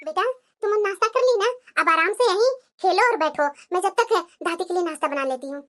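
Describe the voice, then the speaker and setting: A woman's voice: extremely high pitch, expressive, fairly quick, a bit bright, faint music behind. A woman voicing a patient, soothing young mother and daughter-in-law in a cartoon. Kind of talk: Hindi cartoon voice acting.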